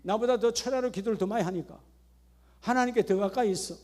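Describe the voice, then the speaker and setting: A man with a notably high voice preaching a church sermon. He scolds and exhorts with pointed rhetorical questions, then sinks into quiet, confiding storytelling. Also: fast. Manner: swings between loud exhortation and hushed storytelling. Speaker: senior pastor. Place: church worship service.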